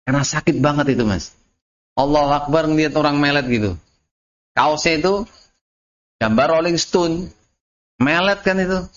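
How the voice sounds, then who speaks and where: A man's voice: on the high side, normal speed, long pauses. A man with an Indonesian accent teaching a casual classroom lesson on Arabic grammar, repeating and explaining terms as he speaks to his students. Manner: casual, addresses listeners as "Mas" and "antum". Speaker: religious teacher. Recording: muffled lo-fi class recording.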